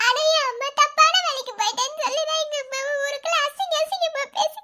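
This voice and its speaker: A woman's voice: extremely high pitch, fairly even intonation, fast talker, pushed and bright. A woman voicing a frightened, tearful young village woman in a cartoon, speaking with a Madurai Tamil accent and pleading through sobs. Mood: sobbing. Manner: sobbing, pleading. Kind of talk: cartoon voice acting.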